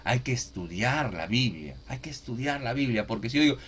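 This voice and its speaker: Speaking a little fast with a slightly rough, medium-pitched voice, a man delivers a teaching sermon. He is animated and often checks whether listeners follow, tossing in "¿no?" and "¿de acuerdo?" again and again.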